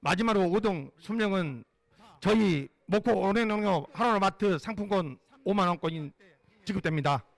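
High-pitched man announcing a prize draw. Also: moderate pace, creaky. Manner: formal, polite event-announcer delivery.

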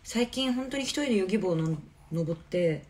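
A woman hosting a casual live stream from her home on a phone, chatting in a relaxed way and answering viewers' comments. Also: on the low side, a little fast. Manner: chatty and relaxed, often laughing softly.

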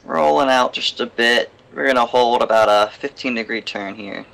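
A young man leading a flight in a flight simulator, mixing calm, clipped radio calls with casual chat. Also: mid-range voice, moderate pace. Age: young adult. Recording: clearly noisy headset voice chat.

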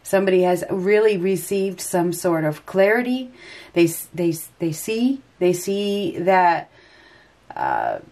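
In a lowish, darkish voice with a sing-song lilt, a congested woman slowly works through a tarot reading at a table indoors. The head cold leaves her nose stuffy as she turns the cards without a script, hesitating and rambling while she thinks out loud.

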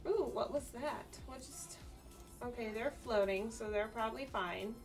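A woman streaming a game, chatting casually with her viewers, swearing often and breaking into loud outbursts and laughter. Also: on the high side, normal speed, far from the mic, faint music behind. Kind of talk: casual gameplay chat.

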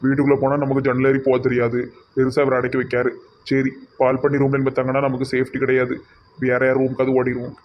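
A man voicing a sulky young man muttering flatly, muffled audio. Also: mid-range voice, fast talker, slight background noise, natural voice. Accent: Tirunelveli Tamil. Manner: muttering asides.

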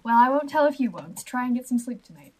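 A woman's voice: high-pitched, lively intonation, quick pace, darkish tone. A woman voicing a kindly, teasing young noblewoman.

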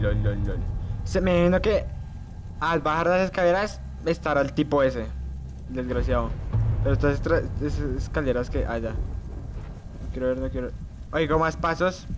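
Young guy freaking out over a horror game, mutters and yelps, noisy home mic. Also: mid-range voice. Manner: jumpy, mutters to himself, shrieks and laughs at scares. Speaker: gamer.

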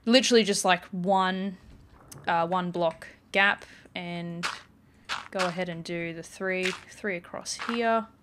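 A woman's voice: on the low side, fairly even intonation, slow pace, fairly bright tone, slight background noise. A woman gaming YouTuber giving casual, rambling let's-play commentary with lots of "like" and "um" as she plays. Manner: chatty, rambling, many "like" and "um" fillers.

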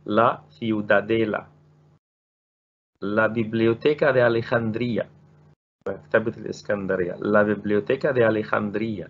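A man's voice: fairly low pitch, steady tone, fast, narrow, tinny audio. A man with an Egyptian Arabic accent teaching Spanish grammar in a recorded lesson, explaining step by step and repeating each word. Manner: explains step by step, repeating words and asking rhetorical questions.

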